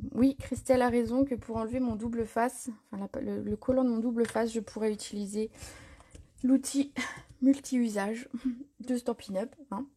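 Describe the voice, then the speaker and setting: A woman hosting a live craft tutorial, chatting casually, answering viewer comments and filling pauses with little words as she works. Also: a little high, fairly even intonation, mellow, breathy edge. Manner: chatty, reads viewer comments aloud, frequent fillers. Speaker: crafting demonstrator. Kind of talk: live stream tutorial chat.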